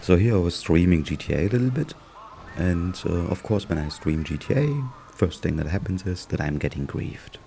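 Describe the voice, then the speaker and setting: Gamer guy voice-over, German accent, deep and gravelly, wry and sarcastic, slight hiss behind. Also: lively intonation, moderate pace, mellow. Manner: dry, amused, sarcastic. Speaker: gaming YouTuber narrating gameplay. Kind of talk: casual gameplay commentary.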